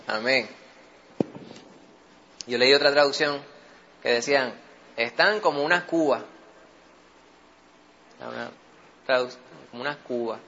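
A man's voice: medium pitch, slow, long pauses, sharp tone, dull audio, slight background noise. A Puerto Rican man leading a Bible study in a conversational teaching style, often checking in with his listeners. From Puerto Rico. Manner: keeps asking listeners for assent.

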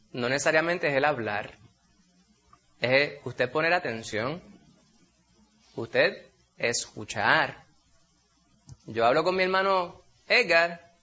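A man preaching a sermon, animated, asking rhetorical questions and calling his listeners brother. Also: a little high. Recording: dull lo-fi recording.

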